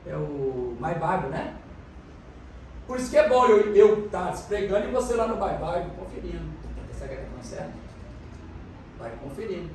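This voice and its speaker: A man's voice: high-pitched, sing-song, moderate pace, long pauses, a little mellow, slight background noise. A man preaching a sermon as pastor, explaining things and questioning the congregation. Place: church hall. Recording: echoey church hall, mic from a distance.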